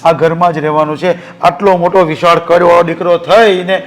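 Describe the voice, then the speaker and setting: A man playing a gently reassuring grown son. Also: on the high side, little pitch movement, moderate pace, natural voice. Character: grown son reassuring his weeping mother. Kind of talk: Gujarati short film acting.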